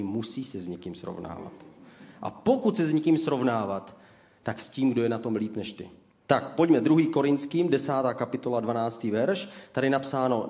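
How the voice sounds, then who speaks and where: Preacher giving sarcastic mock advice. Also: male voice, medium pitch, a little mellow. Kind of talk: ironic sermon.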